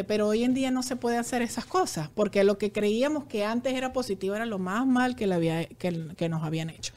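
An earnest woman speaking as a guest in a relaxed conversation. Her voice sits a little high, and she often acts out other people's words as she explains. She sounds animated throughout. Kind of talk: casual conversation.

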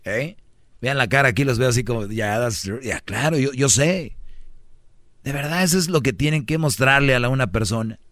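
A man's voice: mid-range voice, normal speed, fairly bright tone, no echo, studio quality. A man with a Mexican accent doing a comic, preachy advice monologue as a radio host. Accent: Mexican Spanish. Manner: brash, preachy, mimics voices for jokes.

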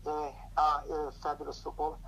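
An older man talks through a low quality speakerphone recording, with faint noise underneath. His voice sits a little high for a man. He rambles and hesitates, with plenty of ums and restarts. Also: monotone, a little fast, a bit bright, rough recording. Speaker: guest on a podcast, host's father. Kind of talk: casual chat about rugby league.

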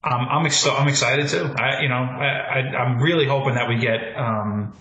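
A man co-hosting a casual sports podcast, easygoing and quick to chime in with agreement. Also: mid-range voice, steady tone, sharp tone, slight background noise. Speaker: podcast co-host. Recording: echoey room.

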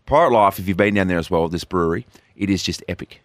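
A man's voice: deep voice, fast talker, no room sound, clean studio sound. An Australian man hosting a weekend radio show, joking and teasing his co-host in casual banter. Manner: jokey, teasing, upbeat.

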